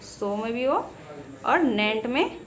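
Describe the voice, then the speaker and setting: A woman's voice: fairly high pitch, expressive, slow pace, dull audio. A woman teaching, patiently spelling out sounds and breaking words into parts. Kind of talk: explaining to students.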